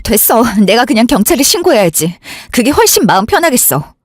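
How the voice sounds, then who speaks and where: A grieving, agitated elder sister, played by a woman in a radio drama. Her fairly high voice leaps about as she insists. The recording is close and dry. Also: very animated, a little fast, no room sound. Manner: insistent, worked up, pushing to call police. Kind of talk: Korean radio drama acting.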